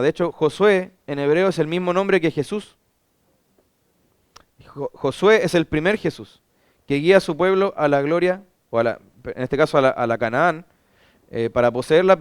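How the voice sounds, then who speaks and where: Clear-voiced pastor teaching a Bible class. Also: male voice, fairly high pitch, moderate pace, no echo, studio quality. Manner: asks rhetorical questions and answers them himself; reads scripture passages aloud at length.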